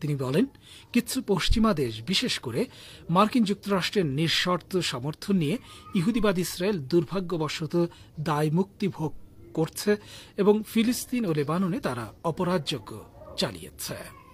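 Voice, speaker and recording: A man reading the radio news in a measured, formal delivery. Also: a little high, lively intonation, breathy edge. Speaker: news reader.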